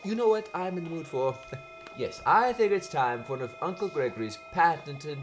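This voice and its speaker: A man's voice: on the high side, animated, moderate pace, soft background music. Giggly hammy man hosting horror movies. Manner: hammy, giggles between lines. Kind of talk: campy comedy hosting.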